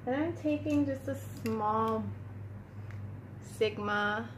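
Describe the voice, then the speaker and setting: In a low-quality recording with some hiss or hum, a beauty vlogger speaks slowly in a slightly high voice. She sniffles a little from a cold room at home while chatting to "you guys" and applying her products during a casual makeup tutorial.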